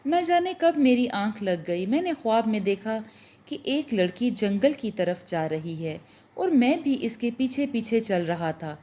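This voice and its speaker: Warm, lively woman storyteller. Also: fairly high pitch, a little slow. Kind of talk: reading a Urdu horror-romance story.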